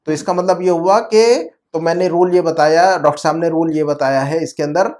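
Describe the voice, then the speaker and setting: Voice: medium pitch, darkish tone. An Arabic teacher explaining pronunciation in an online class, repeating words patiently, checking understanding often and mixing in English terms.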